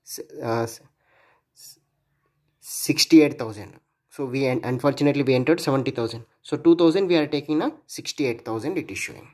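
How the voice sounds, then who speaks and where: At his workbench indoors, a man with a darkish, mid-range voice talks through a hands-on electronics demo. He hesitates while thinking aloud and spells out the digits and letters step by step.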